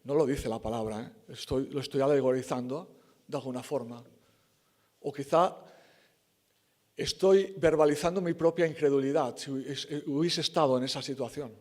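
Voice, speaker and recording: A man's voice: mid-range voice, moderate pace, a little mellow. A man preaching a sermon in church, emphatic and conversational, correcting himself and acting out the quoted lines.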